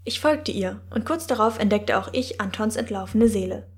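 A woman narrating a first-person fantasy audiobook in a wry, measured manner. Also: mid-range voice, animated.

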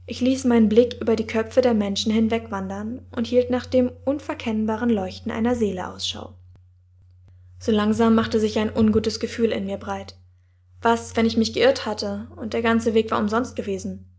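A woman narrating a first-person fantasy audiobook in a wry, measured manner. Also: fairly high pitch, steady tone, darkish tone.

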